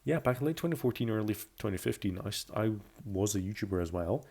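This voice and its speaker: Fast and expressive, a young man in his early twenties with a lowish, creaky, dark voice gives rambling YouTube commentary about himself, often correcting or restating his words. He comes from Belgium, Scotland and France.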